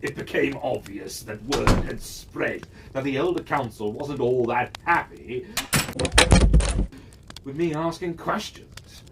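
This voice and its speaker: This man speaks slowly at a medium pitch, narrating a fantasy tale in character. His manner is conversational and reflective, with frequent questions asked aloud to himself, and the distant mic picks up faint background noise.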